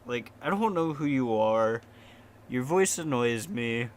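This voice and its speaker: Young man, podcast co-host, slow rambling chat, faint background hiss. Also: mid-range voice, animated. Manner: slow and rambling, heavy on "like", mocking voices from ads. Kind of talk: casual chat.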